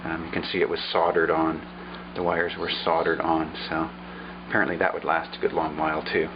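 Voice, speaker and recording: A vlogger with a low, easygoing male voice shows off a vintage radio in a casual show-and-tell demo. He talks at an unhurried pace, thinking aloud and pausing on fillers, while the slightly dull audio carries a steady hiss.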